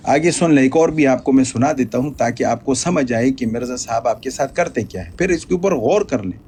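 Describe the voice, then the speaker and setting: A man's voice: medium pitch, lively intonation, brisk, darkish tone, a little hiss or hum. A man giving emphatic, polemical religious commentary, often stammering and repeating words.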